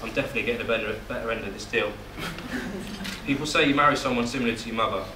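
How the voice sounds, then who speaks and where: In a rapid-fire, medium-pitched delivery, a young groom reads his speech from notes at an indoor wedding reception hall, joking at times and getting emotional at others, his voice catching. There is no mic, only a far-away camera, so the hall echoes and the noise runs loud.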